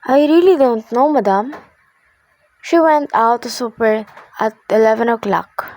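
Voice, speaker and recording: A woman's voice: a little high, a little mellow. A young woman acting a polite, formal, unhelpful hospital receptionist in an amateur radio play. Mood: indifferent, polite. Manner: measured, officious, courteous.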